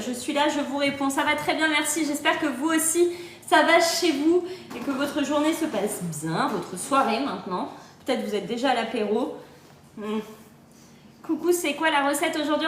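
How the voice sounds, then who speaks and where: A woman's voice: high voice, fairly bright tone, echoey room, slight background noise. A woman working as a kitchen-appliance sales adviser, chatting casually and cheerfully on a phone livestream and answering viewer comments. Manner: chatty and upbeat, often laughing. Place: on holiday, recorded in an echoey spot.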